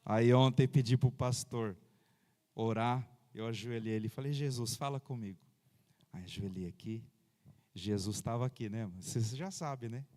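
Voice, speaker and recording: A man's voice: mid-range voice, normal speed, warm tone. A man, a pastor preaching a sermon in a church in a chatty, personal way, with frequent amens and hallelujahs, into a handheld microphone. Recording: reverberant church hall.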